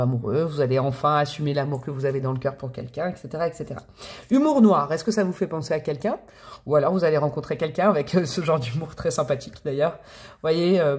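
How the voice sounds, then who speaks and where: A woman's voice: low voice, darkish tone. A woman giving a casual tarot reading to camera, chatty and playful, calling her viewers affectionate pet names. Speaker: tarot reader.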